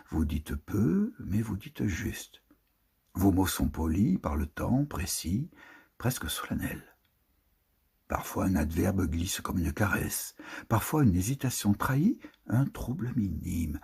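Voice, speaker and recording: A man giving an intimate literary reading, slow and hushed, sometimes dropping to a whisper. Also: deep voice, gravelly, breathy edge. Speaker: reader.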